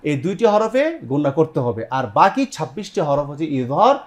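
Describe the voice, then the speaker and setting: A man's voice: fairly high pitch, big pitch swings. A man from Bangladesh teaching a Quran tajweed lesson on TV. He explains step by step, quizzes his students, and repeats their answers back. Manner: repeats students' answers back, sounds out Arabic words slowly. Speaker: Quran recitation teacher and TV host.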